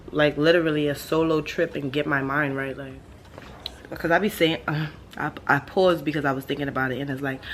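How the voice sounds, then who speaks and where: A woman in her late twenties talking casually in a laid-back stoner ramble, slangy and blunt, swearing freely as she thinks aloud. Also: low-pitched. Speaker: vlogger. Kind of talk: casual rambling monologue to camera. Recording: steady background ambient noise.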